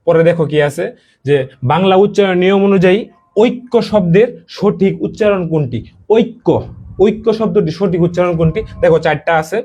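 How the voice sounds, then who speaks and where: A young man with a fairly high voice gives an online prep lesson. He talks his students through each point, going over key words again and turning to them with quick questions. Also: a little mellow. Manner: explains step by step, repeats key words, addresses students directly. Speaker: admission coaching teacher. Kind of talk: online class lecture.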